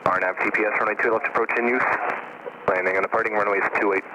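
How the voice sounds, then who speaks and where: Low male voice for an automated airport weather broadcast, fast and monotone, heard through noisy cockpit radio. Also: muffled recording. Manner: flat, rapid reading of numbers. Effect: automated airport weather broadcast over aircraft radio. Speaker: recorded airport information broadcast.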